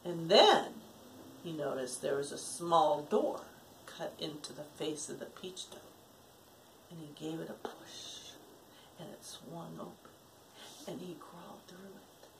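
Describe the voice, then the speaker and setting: In a low voice at a measured pace, with long pauses, an older woman reads a story to young children and checks in with them. She plays it up dramatically, gasping, hushing, and posing questions, in a home recording with constant background noise.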